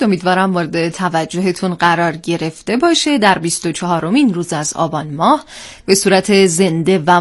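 A woman hosting a live radio show in a smooth, upbeat manner. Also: lowish voice. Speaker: radio host.

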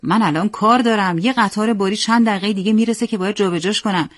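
A woman voicing a cautious middle-aged railway worker who speaks in a guarded, low way. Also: close to an everyday voice.

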